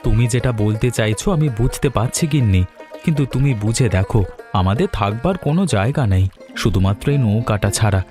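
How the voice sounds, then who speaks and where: An actor playing a poor middle-aged fisherman and father who talks in a calm, reassuring way. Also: lowish voice, a little fast, lightly acted. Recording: faint music underneath.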